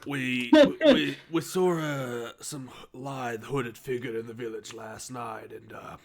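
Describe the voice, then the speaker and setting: A man playing a tabletop game, talking loudly in laughing banter. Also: medium pitch, expressive, slow pace. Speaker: player.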